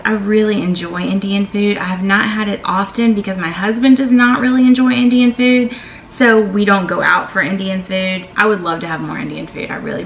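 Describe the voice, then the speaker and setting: Woman, Southern American accent, middle-aged, gravelly, chatty vlog, echoey room. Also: medium pitch, a bit bright. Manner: chatty, emphatic, says y'all a lot. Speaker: vlogger. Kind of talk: casual chat answering tag questions. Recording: echoey room with faint ambient noise.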